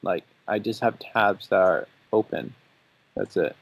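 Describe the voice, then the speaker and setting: A twenty-year-old man hosts a podcast in a casual, chatty way, asking questions with a joking, teasing edge. His voice is lowish and unhurried, with no room sound, though the recording is rough.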